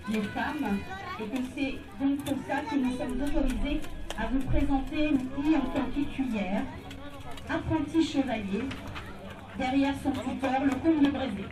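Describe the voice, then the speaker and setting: Woman, live medieval show commentary, unhurried pace, short proclaimed phrases, strongly echoing outdoor sound, crowd behind. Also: high voice. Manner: proclaiming in pieces, with pauses between short phrases. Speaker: tournament announcer. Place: outdoors at a castle tournament ground. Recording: roomy, distant PA sound with crowd noise.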